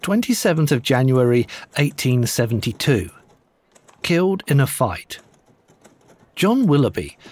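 A man reading old newspaper court reports aloud in a measured, lively way with dry wit. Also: mid-range voice. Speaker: narrator.

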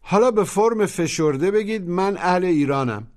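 A man narrating a taped language lesson in a didactic, coaching way. His voice sits somewhat high for a man. He prompts listeners to repeat phrases aloud. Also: animated. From Iran. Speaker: language teacher.

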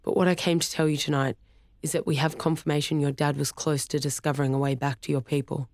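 An earnest, protective young woman, as a narrator plays her. She explains things in a steady, plain way. Read for an audiobook, close to the mic and dry. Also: medium pitch, quick pace, no echo, natural voice.

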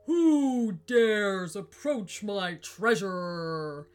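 A woman voicing a tall ghostly Viking warrior in a storybook reading, speaking slowly and grandly. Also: animated, smooth, soft background music. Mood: commanding. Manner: slow, grand and booming.

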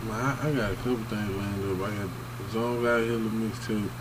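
A man's voice: fairly low pitch, fairly even intonation, normal speed, background noise. A man talking casually and in slang as a rapper being interviewed. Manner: slangy, informal. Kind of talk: casual chat.

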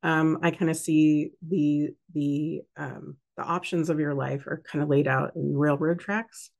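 Woman host rambling thru a spiritual chat, lots of ums, gravelly fry in her voice. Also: low-pitched, fairly even intonation, measured pace, darkish tone. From United States. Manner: rambling, many fillers and restarts. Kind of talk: casual spiritual talk.

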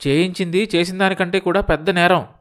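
A man voicing an anxious, scheming male go-between who talks in a hurried, pressing way. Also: high-pitched, fairly even intonation, voice pushed up, natural voice. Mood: urgent.

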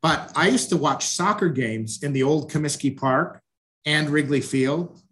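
A man's voice: a little high, unhurried, fairly bright tone. Hesitant, friendly man coach. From Chicago northwest suburbs. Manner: hesitant, many restarts and fillers, friendly. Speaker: sports coach, guest. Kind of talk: casual interview chat. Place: at home, video call.

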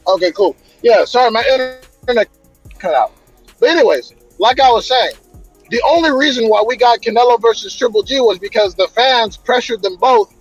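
A man's voice: extremely high pitch, animated, normal speed, slightly rough, faint music behind. A man on a call with a choppy, cutting-out internet connection, ranting bluntly in casual chat. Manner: blunt, emphatic, profane. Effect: choppy bad internet connection. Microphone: online call. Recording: dull lo-fi call audio, dry.

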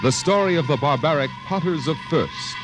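A man's voice: on the high side, normal speed. A man announcing a dramatic trailer in 1950s radio style. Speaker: announcer of next week's show. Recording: old radio disc under loud music.

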